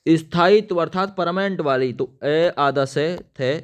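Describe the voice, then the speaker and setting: A man's voice: a little high, a little slow, clean tone. A man teaching an exam-prep spelling lesson, spelling words out letter by letter as he writes and telling viewers to remember the important ones. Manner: addresses viewers as friends, stresses importance.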